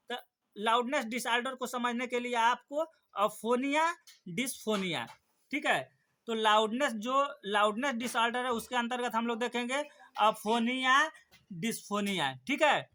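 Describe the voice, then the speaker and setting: A man's voice: very high voice, sharp tone. A young man teaching an exam-prep lesson, asking the class questions and answering them himself. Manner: repetitive, rhetorical questions then answers.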